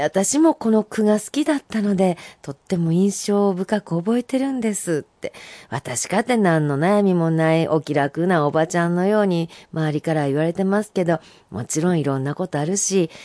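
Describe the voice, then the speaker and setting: A middle-aged woman with a Kansai accent hosts a radio talk show, reading listener haiku aloud. Her voice swoops up and down with animated pitch. The sound is dry and close, straight into a studio microphone. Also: no room sound. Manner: lively, chatty, reads poems slowly and warmly reacts with laughs.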